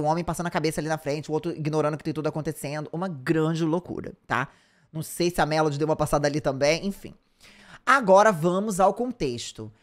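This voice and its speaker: A woman with a Brazilian Portuguese accent hosting a reaction commentary. She speaks in an expressive, exclamatory way. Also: on the low side. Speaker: commentary host.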